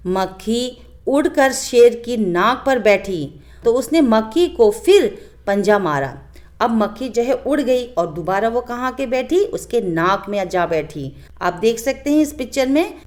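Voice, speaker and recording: A woman teacher leads a lesson on a children's story, telling it in an animated way and frequently turning to ask her pupils questions. Her voice is on the high side, and she speaks a little slowly.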